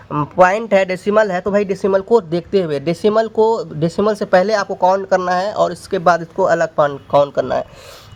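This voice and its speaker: A man teaching a maths lesson step by step, repeating points and addressing students as brother. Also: high-pitched. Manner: repetitive, explains step by step.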